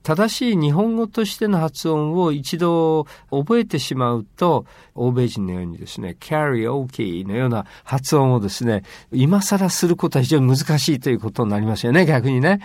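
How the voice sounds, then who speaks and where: A man's voice: fairly high pitch, moderate pace, few pauses, no echo. A man co-hosting a casual bilingual talk about language, chatty, with lots of fillers and playful asides. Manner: lively, lots of rhetorical fillers and playful quoted voices. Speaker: co-host explaining language.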